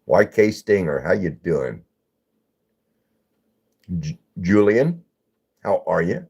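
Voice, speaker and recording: A man's voice: deep voice, sing-song, slow, gravelly, mellow, slightly rough. An older man hosting a live stream, chatting in a folksy way and greeting viewers by name as he reads their comments. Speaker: livestream host. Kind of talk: casual live-stream chat reading comments.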